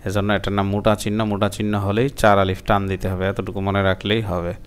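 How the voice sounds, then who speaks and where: A man's voice: fairly low pitch, level tone, fast. A man teaching Quran reading, explaining plainly to the learner and sounding out Arabic syllables one at a time before chanting them drawn out.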